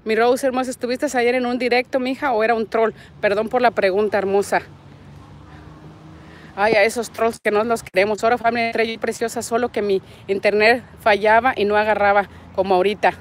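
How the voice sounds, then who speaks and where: A woman in her forties from Nayarit, with a Mexican Spanish accent, speaks a little fast in a slightly high, flat voice. Hosting a vlog livestream, she affectionately greets viewers and reads their comments outdoors in a parking lot and on a street. She uses a wired earbud mic with her phone held at arm's length.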